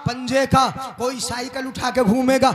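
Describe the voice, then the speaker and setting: A male preacher giving a sing-song devotional sermon, often rising to shouts and quizzing his audience with questions. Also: very high voice, flat delivery, measured pace. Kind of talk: devotional sermon with crowd call-and-response. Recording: live gathering with loud crowd behind.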